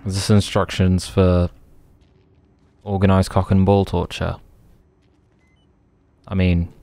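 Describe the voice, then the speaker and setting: A man cracking sarcastic jokes as he plays a horror game. His voice sits fairly low, with a casual, joking delivery. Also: a little mellow. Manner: sarcastic, jokey. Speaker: gaming commentator. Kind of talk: casual gameplay commentary.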